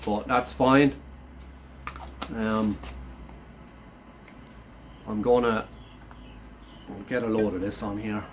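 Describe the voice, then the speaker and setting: A man's voice: lowish voice, fairly even intonation, extremely slow, pauses often, a little hiss or hum. New man with sore-throat voice. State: sore throat, thick hoarse voice; run down after a chest infection. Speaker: food reviewer. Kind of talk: casual chat to camera.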